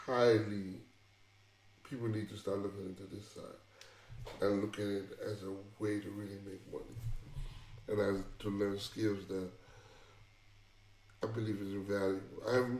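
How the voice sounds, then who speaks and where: A man with a fairly low, mellow voice talks through career advice, hammering his points home and circling back over the same phrases. The sound is roomy and echoey. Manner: emphatic and repetitive, restarting phrases. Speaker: tech vlogger. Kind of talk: casual advice monologue.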